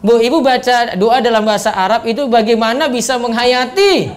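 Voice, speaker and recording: A man's voice: extremely high pitch, normal speed. A man gives a religious study lecture as a preacher, quizzing his listeners and acting out sample prayers. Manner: animated, quizzes the audience and acts out sample prayers. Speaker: Islamic preacher.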